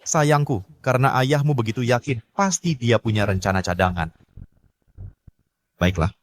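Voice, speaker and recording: A man's voice: mid-range voice, expressive, moderate pace, a little hiss or hum, close to an everyday voice. A man dubbing a wronged young hero, intense and resolute. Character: wronged young male hero, son-in-law. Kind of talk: dubbed drama acting.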